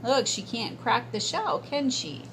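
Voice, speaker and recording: A sweet old lady with a fairly high voice reads a children's storybook as a grandmother would. She is gentle and engaging with her little listeners, and there is faint noise in the recording. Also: very animated, unhurried. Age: older. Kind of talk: children's storybook read-aloud.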